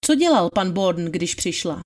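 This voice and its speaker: A woman's voice: on the low side, sing-song, pitched below the performer's own voice. A woman reading the part of a methodical male attorney questioning a witness, in a formal, probing manner. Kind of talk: dramatized trial testimony reading.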